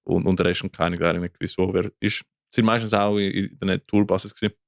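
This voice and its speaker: A man's voice: sits low, fairly even intonation, quick pace, creaky, no echo, clean studio sound. A man with a Swiss German accent, a band guitarist co-hosting a podcast and telling rambling stories full of fillers and restarts. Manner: rambling storyteller, many fillers and restarts, laughs often. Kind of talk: casual podcast chat.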